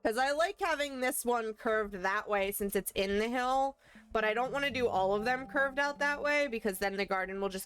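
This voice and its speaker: A woman's voice: mid-range voice, fairly bright tone. Chatty woman streaming a game. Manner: chatty, thinks aloud while playing; playful, answers chat. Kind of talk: casual live-stream commentary.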